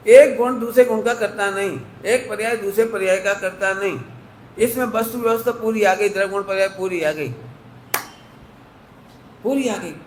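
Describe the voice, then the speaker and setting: A man's voice: sits high, echoey room, a little hiss or hum, rough recording. A man giving a religious discourse, explaining with homely everyday examples and asking listeners whether they follow. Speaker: Jain preacher.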